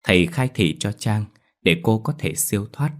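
Deep-voiced male horror narrator. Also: expressive, normal speed. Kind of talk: storytelling narration.

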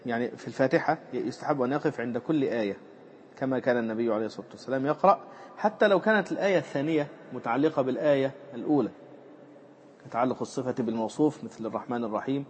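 Sheikh explaining jurisprudence. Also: male voice, rapid-fire. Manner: reads a passage aloud, then explains it with fillers and repetition. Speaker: Islamic jurisprudence teacher. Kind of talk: explanatory lesson on a classical text. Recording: muffled low-fidelity recording with faint background noise.

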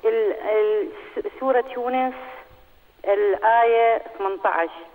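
A woman caller asking a question over the phone, speaking in a halting way and slowing down as she reads verses aloud. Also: a little high. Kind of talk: phoning in a question. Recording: tinny phone line with long hall echo.

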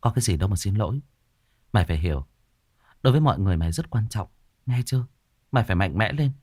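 A man voicing a firm, caring young woman in a ghost story, speaking quickly and reassuringly. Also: lowish voice, animated, darkish tone, husky, dry recording, clean studio sound.

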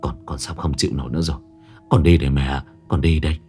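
A man voicing a possessed stranger who speaks as a dead soldier's spirit in a low, pained, hushed voice. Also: animated, moderate pace, soft background music. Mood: pained pleading.

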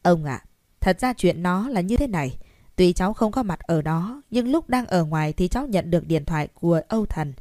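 A woman's voice: lowish voice, animated, normal speed, mellow, no echo, clean studio sound, close to an everyday voice. A woman voicing a cheerful young man who coaxes and pleads with an old grandfather. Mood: coaxing. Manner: coaxing, pleading. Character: cheerful, smooth-talking young man placating elders.

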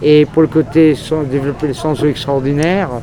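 On a bustling city street with crowds and traffic behind him, a French journalist gives a candid street interview, meandering through a long story with many fillers. He talks briskly in a fairly high voice with a level tone.

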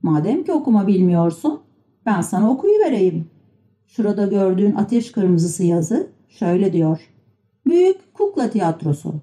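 A woman's voice: mid-range voice, very animated, moderate pace, warm tone, lightly acted. A woman voicing a matter-of-fact little boy in a storybook reading, close to her own voice.

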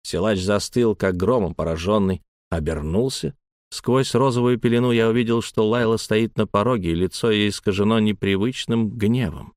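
A man narrating a first-person story as an audiobook in a calm, even delivery. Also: on the low side, moderate pace, dry recording, studio quality.

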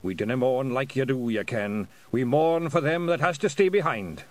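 A man's voice: medium pitch, normal speed, voice pushed up, natural voice. A man putting on a wistful old Scottish Feagle. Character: old male Feagle, small sad clansman.

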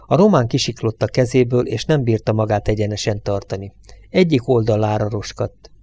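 Gravelly-voiced male audiobook narrator. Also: lowish voice, mellow.

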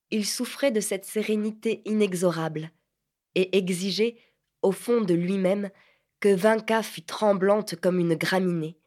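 A woman narrating an audiobook of a literary novel in a measured, expressive reading. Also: mid-range voice.

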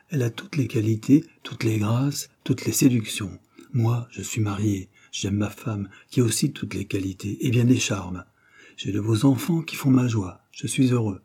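A man doing a contented married gentleman confiding in a friend, in an audiobook. His voice sits low and mellow, a little husky. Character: married middle-aged gentleman, fatherly friend.

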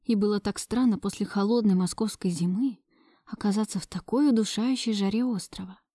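A woman narrates a first-person story at a measured pace and gives each line some expression. Her voice is mellow and warm. The recording is close and dry. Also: mid-range voice, no room sound.

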